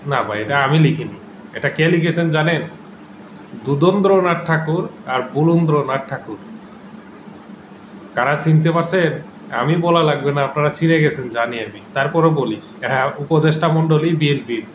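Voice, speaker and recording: A man giving mocking, scolding political commentary, reciting verses in a slow sing-song. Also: fairly high pitch, roomy sound, noisy background. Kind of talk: ranting video commentary.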